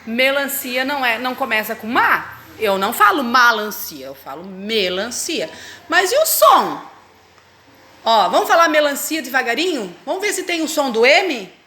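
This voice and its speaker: A woman, a teacher giving a phonics lesson to young children, drawing words out slowly and coaxing them to repeat. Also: high-pitched, very animated, bright, forceful tone. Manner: slow, drawn-out, coaxing word drills. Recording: echoey room with faint noise.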